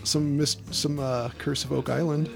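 A man with a slightly high, creaky voice hosts a podcast in casual chat. Faint music can sit behind him. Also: level tone, moderate pace. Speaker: podcast host. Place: small garden shed.

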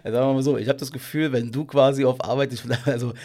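A man's voice: medium pitch, fairly even intonation, racing, warm tone. A man hosting a casual podcast, chatty and teasing, often laughing. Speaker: podcast host. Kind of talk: casual chat.

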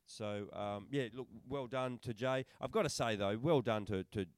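A middle-aged man co-hosts a podcast, recapping fights in casual, enthusiastic chat full of restarts and fillers. His voice is mid-range at normal speed, with no echo.

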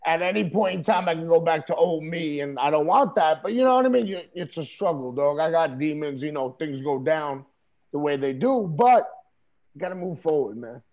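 A man's voice: a little high, animated, moderate pace, dull audio. A man talking casually over a video call in a streetwise, emphatic way, often asking "you know what I mean?". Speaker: interview guest, wrestler.

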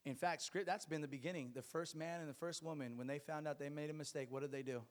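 A man's voice: on the high side, fairly even intonation, fast talker. A man preaching a sermon to a congregation, exhorting them emphatically with rhetorical questions and repeated phrases.

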